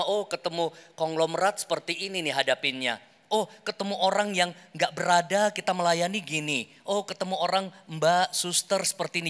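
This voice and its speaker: A man's voice: fairly high pitch, bright, forceful tone. A man preaching in a conversational way, often addressing his congregation directly and acting out short everyday examples. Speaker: pastor giving a workshop talk. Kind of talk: animated sermon teaching. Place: large hall, speaking to an audience. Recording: echoing hall with long reverb.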